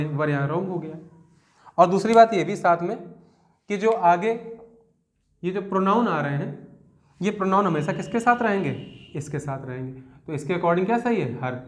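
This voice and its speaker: High-voiced Hindi-accented man teaching grammar. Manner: explains step by step, asks students questions; reads example sentences out slowly. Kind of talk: classroom grammar lesson.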